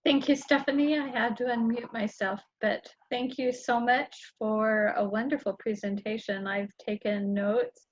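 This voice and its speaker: A woman hosting a video call, thanking the speaker and moderating briskly. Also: on the high side, fairly even intonation, muffled recording. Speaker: host of the call. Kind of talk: casual moderating.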